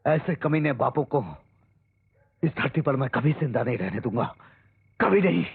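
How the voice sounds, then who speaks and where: An actor playing a bitter, vengeful grown son turned killer, intense and defiant, in tinny old film audio. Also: male voice, medium pitch, animated, normal speed, creaky, slightly rough, exaggerated voice.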